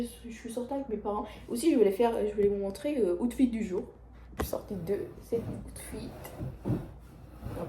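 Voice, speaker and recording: A teenage girl with a French accent rambles through a confessional vlog, restarting sentences and leaning on fillers. Her voice is soft and mellow. The room around her sounds roomy and echoey, with a faint background hiss. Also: mid-range voice. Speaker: vlogger. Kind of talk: casual confessional vlog chat. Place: at home, indoors.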